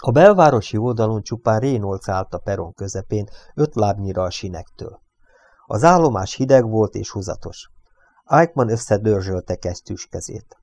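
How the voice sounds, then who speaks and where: A man reading a crime novel aloud as an audiobook in measured storytelling fashion, raising his voice for shouted dialogue. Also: on the low side, animated, dry recording. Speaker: audiobook reader.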